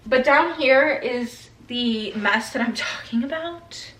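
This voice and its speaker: A woman's voice: sits high, slow, a bit bright, reverberant, far from the mic, rough recording. A woman in her early twenties vlogging casually about redoing her bedroom, chatty and swearing freely. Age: 20s. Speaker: lifestyle vlogger. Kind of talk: casual vlog chat. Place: bedroom at home.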